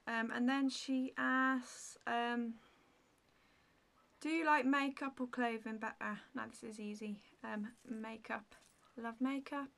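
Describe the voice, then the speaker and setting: A woman in her thirties talks straight to the camera in a relaxed Q&A vlog, her voice sitting a little high. She rambles through viewer questions with plenty of ums and likes. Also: slow, gravelly. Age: 30s. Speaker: beauty vlogger. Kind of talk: casual Q&A vlog.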